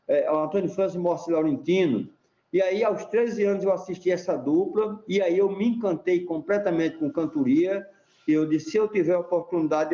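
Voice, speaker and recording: A man's voice: a little high, warm tone. A middle-aged man, explaining things like a teacher in an interview and often asking "né?". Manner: didactic, chatty, asks rhetorical "né?". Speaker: repentista and teacher, interview guest. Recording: echoey room, dull sound.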